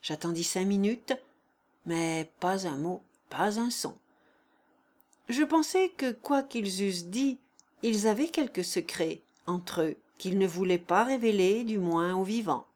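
A woman narrating a story as an audiobook, in an expressive, measured way. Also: mid-range voice.

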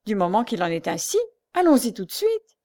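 A woman reading aloud and voicing an anxious, excitable old male servant, raised in pitch and loud. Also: a little fast. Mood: eager. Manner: excitable, pressing questions.

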